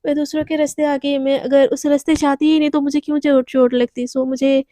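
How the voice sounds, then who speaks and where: A wounded young woman in a storybook romance pushes others away with quiet, firm refusals, spoken by a woman narrator. Her voice is high and mellow, heard dry and close. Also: little pitch movement, brisk, no room sound, natural voice. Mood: guarded. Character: hurt, reserved young woman office worker.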